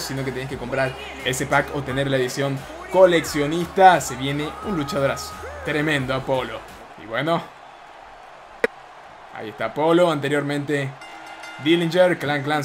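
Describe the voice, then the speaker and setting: A young Argentine man excitedly commentating his own wrestling video game play, exclaiming and swearing casually. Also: a little high. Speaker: gaming YouTuber. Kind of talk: gameplay commentary.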